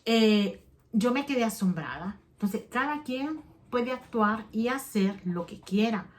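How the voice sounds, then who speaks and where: This middle-aged vlogger talks straight to her viewers in a rambling, chatty way, often correcting herself and starting sentences over. Her fairly high voice is expressive and a little slow.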